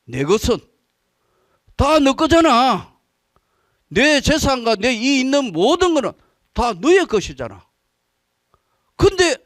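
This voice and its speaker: A man's voice: very high-pitched, dry recording, clean studio sound, full character voice. A man voicing a patient father who pleads with his eldest son. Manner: pleading, emphatic.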